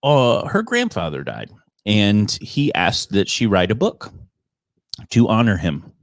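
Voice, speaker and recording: A man with a low voice hosts a casual comedic podcast. He tells stories haltingly, restarting phrases as he goes, and the sound is dry and close. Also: huge pitch swings, no room sound. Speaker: podcast host.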